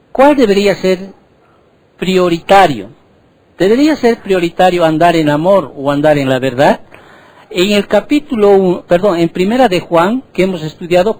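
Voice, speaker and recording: A male pastor preaching a sermon in a voice sitting a little high for a man. He keeps turning to the congregation with questions and repeats words to hammer home each point. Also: a little mellow, rough recording.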